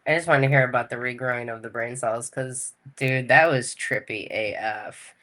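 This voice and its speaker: A woman co-hosting a podcast in casual chat, teasing her partner with quick retorts and frequent laughs. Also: a bass voice, steady tone, a bit bright. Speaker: podcast co-host.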